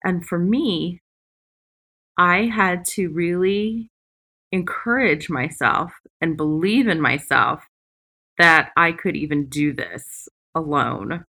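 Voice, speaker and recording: A woman hosts a reflective personal podcast from the beach, away from her usual gear. Her voice sits a little low with a bright, forward edge. She takes her time, very slowly setting out short phrases with pauses between them. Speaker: podcast host. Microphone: makeshift, not usual podcast equipment.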